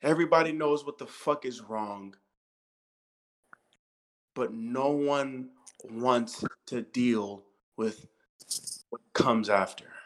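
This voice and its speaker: Medium in pitch and slow, with long pauses, the voice comes through on poor audio. It's an American co-host in his thirties who gets intense in a casual podcast conversation, making his points forcefully, repeating them and swearing freely.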